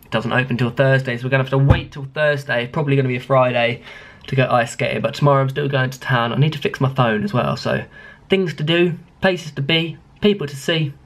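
A man's voice: mid-range voice, fairly quick, fairly bright tone. A young British man chatting casually to a vlog camera, his speech slightly impeded by dental retainers. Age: young adult. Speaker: vlogger. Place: small bedroom. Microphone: handheld camera at arm's length.

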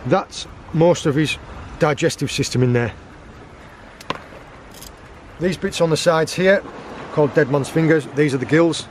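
A man in his thirties, voice a little high, talks at a measured pace with long pauses against slight background noise. He is a guest forager on a rocky beach, handling seafood as he casually explains each preparation step outdoors.

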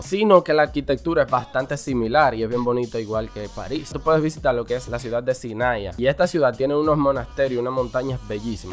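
A man, hosting a casual travel vlog, chatty and full of "o sea" and "lo que es". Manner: chatty, repeats "o sea" and "lo que es", swings up and down in pitch and loudness. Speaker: travel vlogger.

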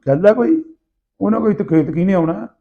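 A man with a Malwai Punjabi accent casually telling anecdotes in rough, earthy, animated banter, acting out people's dialogue. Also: sits high, quick pace. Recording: tinny, phone-like narrow sound.

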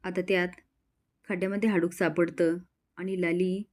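A woman retells a village TV drama episode scene by scene, quoting each character as she goes. Her voice sits a little low and her telling is brisk and plain. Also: little pitch movement, darkish tone. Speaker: narrator.

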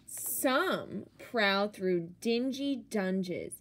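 A woman who is a teacher, reading a picture book aloud to children with expressive, theatrical emphasis on key words. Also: mid-range voice, drawn-out words.

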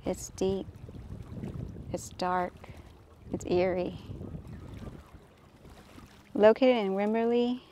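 A woman's voice: mid-range voice, background noise. Chatty woman vlogging on a trail. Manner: chatty, exclaims often, drops to whispers. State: out of breath. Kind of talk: casual walking vlog. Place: outdoors on a hiking trail.

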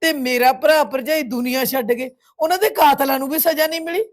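This is a scene from a village web series drama: a grieving village woman, played by an actress with a Punjabi accent, bitterly reproaches a family friend through tears. The voice is high, fairly quick, and close to how she'd normally talk.

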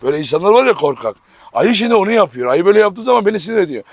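A man's voice: high voice, big pitch swings, racing, no echo. A man running a dog farm vlog, calling commands to his dogs and talking animatedly to his viewers. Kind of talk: casual vlog narration.

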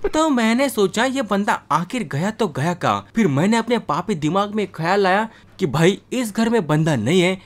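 Wisecracking man with a high voice. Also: animated, normal speed, few pauses. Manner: playful, roasting and wisecracking. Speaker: gaming YouTuber. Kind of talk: joking gameplay commentary voice-over.

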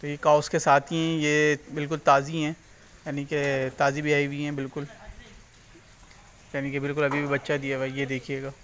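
A man talks upbeat to his viewers as he tours a cattle shed with a handheld phone camera. His voice sits fairly high but moves little in pitch. Faint open-air background noise runs under him. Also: completely flat delivery, fairly quick, fairly bright tone. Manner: upbeat, repeatedly pointing things out to viewers. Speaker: farming channel host. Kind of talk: casual walking tour vlog. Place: outdoors on a road, then inside an open-sided cattle shed.

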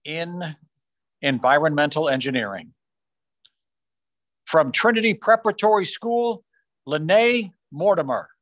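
A man formally reading out science fair award winners on a video call, rising in pitch on each school name. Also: expressive, a bit bright, no echo. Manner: measured, formal announcing, rising on school names. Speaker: awards announcer. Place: small room on a video call. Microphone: video call microphone.

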